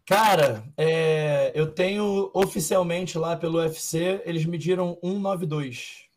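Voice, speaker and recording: Calm, reflective Brazilian young man. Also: fairly high pitch, unhurried. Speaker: MMA fighter guest. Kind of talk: casual interview answers.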